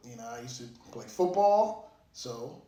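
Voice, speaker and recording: A man's voice: medium pitch, expressive, a little slow, dark tone. Echoey, casual man giving motivational fitness talk. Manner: informal, occasionally profane. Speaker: fitness vlogger. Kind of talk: casual motivational monologue to camera. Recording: echoey room.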